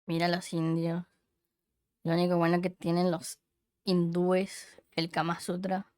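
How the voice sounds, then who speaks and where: A woman's voice: on the low side, monotone, measured pace, darkish tone, smooth, dry recording, clean studio sound. A woman streamer with a cute anime-streamer manner, chatting casually as she reacts to a video.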